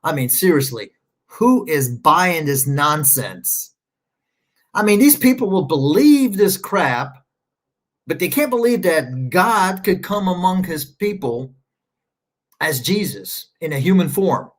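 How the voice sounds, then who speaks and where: This online commentator speaks slowly in a fairly high voice with big pitch swings. He meanders through casual livestream talk, sarcastic and scornful, and keeps stopping to search his screen.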